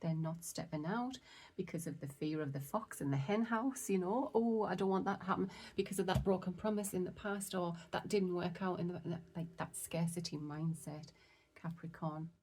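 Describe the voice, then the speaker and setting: A woman giving a casual tarot reading, chatty and excitable, often dropping into soft whispers. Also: lowish voice, normal speed, breathy edge. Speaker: tarot reader.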